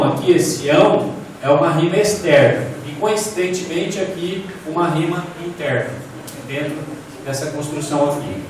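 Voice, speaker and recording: A man giving a poetry lecture from slides, explaining step by step and asking the audience questions. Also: fairly high pitch. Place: large echoey hall. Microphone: distant from the mic. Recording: echoey hall, distant mic, faint room noise.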